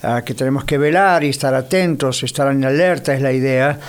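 A man's voice: medium pitch, a little fast, smooth. Man preaching a conversational radio sermon. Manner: conversational, addresses the listener directly. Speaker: radio pastor. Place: United States.

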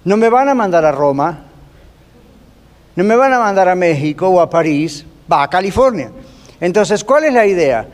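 A man's voice: high voice, very animated, moderate pace. A middle-aged man preaching a sermon as a pastor, telling an everyday story and slipping in English phrases. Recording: long reverb from a hall.

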